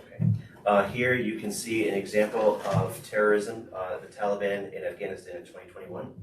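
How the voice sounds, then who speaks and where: A man interpreting a student's talk into English at a school board meeting, steady with frequent "uh". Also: on the low side, normal speed. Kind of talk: consecutive interpreting. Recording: echoey room, far mic, noisy.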